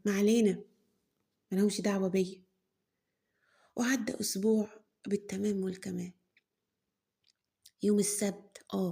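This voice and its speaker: A woman's voice: medium pitch, dark tone. A woman with an Egyptian accent narrating a first-person story, chatty and joking with her listeners. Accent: Egyptian Arabic.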